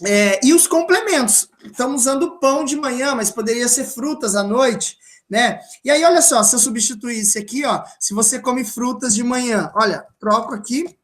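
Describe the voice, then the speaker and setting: A Brazilian woman with a Brazilian Portuguese accent teaches a beginner English lesson, her voice pitched a little high. She talks slowly and patiently and repeats each model sentence. The room gives her voice a clear echo.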